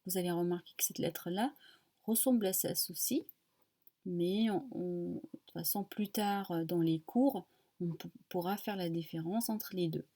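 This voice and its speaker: A woman teaching a language lesson at a whiteboard, patiently sounding out syllables one at a time with frequent fillers and pauses. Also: on the low side, warm tone.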